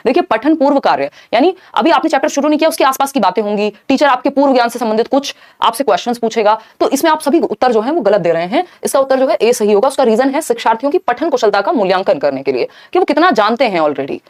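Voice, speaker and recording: Female tutor, live online lesson, rapid explanatory delivery, slightly high voice. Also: animated. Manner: brisk, explanatory, talks to chat viewers. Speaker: teacher.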